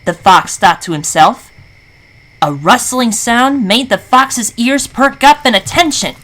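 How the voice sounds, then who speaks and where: A woman storyteller narrating a scripted children's story in an animated, dramatic style. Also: on the high side, measured pace, poor audio. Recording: faint background noise.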